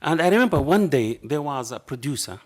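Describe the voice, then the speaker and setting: This middle-aged panelist, with a strong Arabic accent and non-native phrasing, passionately tells a story in a dark lecture hall, acting out both sides of a conversation. His fairly high voice swings widely in pitch and runs a little fast. He speaks into a table microphone during this anecdotal public talk.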